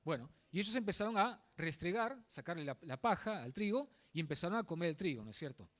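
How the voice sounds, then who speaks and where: A man's voice: high-pitched, very animated, fast talker, fairly bright tone. A man preaching a sermon in a church, explaining a Bible passage, stressing key words and making asides to the congregation.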